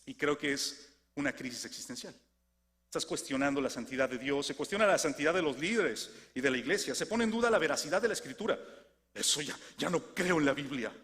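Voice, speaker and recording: A man with a Mexican Spanish accent preaching a sermon, swinging from lively questions to soft, low emphasis. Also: a little fast. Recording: long hall reverb.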